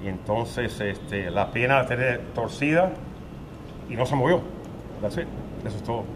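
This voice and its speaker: On a covered sidewalk by the street, an older male witness gives a hesitant interview about what he saw. His medium-pitched voice has lively intonation and a fairly quick pace, and his simple retelling is full of fillers, with street sounds behind him.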